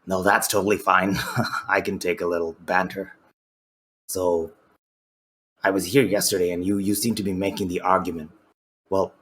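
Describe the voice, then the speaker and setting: A man calling in to an online debate, talking in a deliberately lowered, unnaturally deep put-on voice that sounds husky. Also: fairly bright tone, slight background noise. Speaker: caller debating the host.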